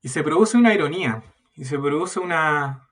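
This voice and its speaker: A man preaching a sermon at a youth meeting, earnest and building to loud emphasis. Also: fairly high pitch, expressive, moderate pace, far from the mic.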